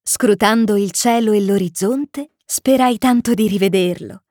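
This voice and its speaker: A woman narrating a children's story in an expressive, animated storybook-reading manner. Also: medium pitch, a little slow, no echo, clean studio sound.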